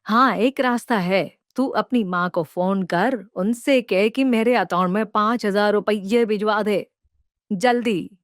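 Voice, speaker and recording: A woman's voice: mid-range voice, measured pace, dry recording, studio quality, natural voice. A woman voicing a greedy, scheming middle-aged mother-in-law in a cartoon, bossy and nagging. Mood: demanding. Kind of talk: cartoon voice acting.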